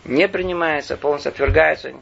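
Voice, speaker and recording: Раввин с хрипловатым, чуть высоким голосом. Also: male voice, on the high side, gravelly, fairly bright tone, highs cut off, slight background noise. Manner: thoughtful, searching for words with many pauses and fillers. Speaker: rabbi teaching Torah. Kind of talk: spoken Torah lesson.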